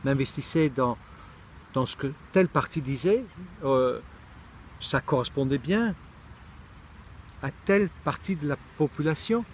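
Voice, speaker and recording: A man's voice: fairly high pitch, slight background noise. Thoughtful middle-aged man, from Israel. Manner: thoughtful, searching for words, frequent restarts. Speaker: speaker sharing personal reflections. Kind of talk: reflective monologue.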